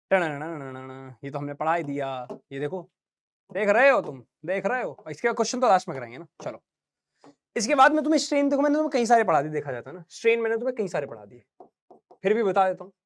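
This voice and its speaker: A young man teaching a physics lesson in a casual, chatty way, calling his students beta and bhaiya and mixing in anecdotes and little sung sound effects. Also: high voice. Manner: sings little sound effects between points. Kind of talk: casual classroom lecture.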